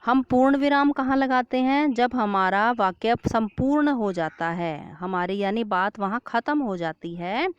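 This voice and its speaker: A woman teaching a Hindi grammar lesson to children, asking questions and then answering them herself. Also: fairly high pitch. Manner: slow, clear classroom explanation. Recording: dull lo-fi sound.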